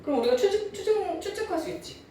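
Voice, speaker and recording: A woman's voice: extremely high pitch, lively intonation, fast, warm tone, heavy reverb, far from the mic, a little hiss or hum, rough recording. A young adult woman teacher giving a classroom lecture, chatty and often checking in with her students. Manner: drawls out words when demonstrating old pronunciation. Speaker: Korean language teacher.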